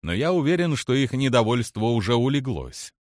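A man reading the lines of a calm, analytical alien male commander in an audiobook, measured and precise. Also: medium pitch, no echo, studio quality, natural voice. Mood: calm, composed.

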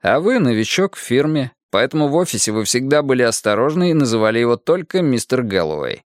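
A man narrates a detective story with a lively, swinging intonation and measured pauses. The voice is recorded dry and close, with no room sound. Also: mid-range voice, no room sound. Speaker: audiobook narrator. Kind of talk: first-person detective story reading.

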